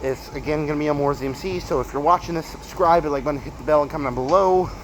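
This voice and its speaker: A man giving a casual, emphatic movie review as a video host while walking on a treadmill, halting and repeating himself for stress. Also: on the high side, poor audio. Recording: clear treadmill motor and footstep noise. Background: treadmill noise.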